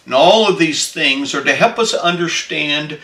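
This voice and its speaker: A man preaching a Bible study sermon, halting over frequent filler sounds and repeated phrases, then making emphatic declarations. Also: fairly high pitch, animated, pushed and bright. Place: church. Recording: echoey room.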